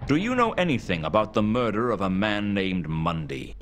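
An actor playing a hardboiled, dry and wry private detective in a noir video game. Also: male voice, fairly low pitch, sing-song, normal speed, slight background noise. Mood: dry, probing. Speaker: game character, detective and narrator.

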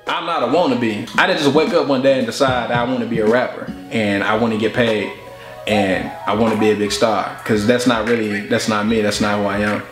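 Speaking fairly quickly in a lowish voice with fairly even intonation, a rapper in his twenties gives a casual, reflective interview. He's indoors on a living room couch. Faint music can be heard behind the slightly roomy sound.

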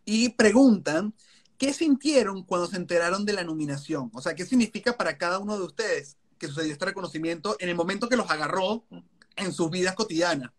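A woman hosting a casual interview, asking questions in a relaxed way. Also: lowish voice, fairly quick, slightly rough. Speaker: host.

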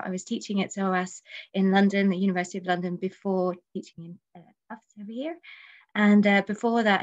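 A woman's voice: on the low side, highs cut off. A woman lecturer in political science introducing herself chattily on a panel, with many fillers.

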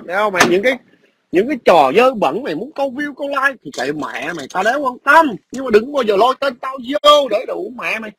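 Guy yelling curses at someone on his phone, pretty high voice, bit of hiss behind. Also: very animated, fairly quick. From Vietnam. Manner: aggressive, profane, taunting. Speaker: vlogger. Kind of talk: angry ranting video message. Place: his workplace in a city.

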